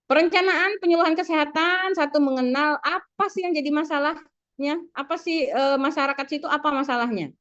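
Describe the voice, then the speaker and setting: A woman's voice: high voice, brisk, fairly bright tone. A woman giving a classroom lecture to students, with rising and falling intonation, speaking to them directly. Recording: dull lo-fi.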